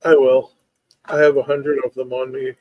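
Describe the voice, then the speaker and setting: A man's voice: mid-range voice, flat delivery, normal speed, dry recording, dull audio. A man co-hosting a gaming stream with casual, playful, jokey banter. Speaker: stream co-host playing the game. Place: room shared with host.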